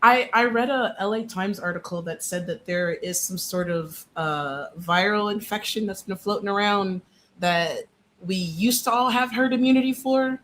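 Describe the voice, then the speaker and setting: A live stream host with a slightly shot voice, hoarse from yelling, chatting casually in a bubbly, slangy, exclamatory way. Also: mid-range voice, normal speed, slight background noise. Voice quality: voice a little shot and hoarse from too much yelling and talking. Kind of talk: casual chat.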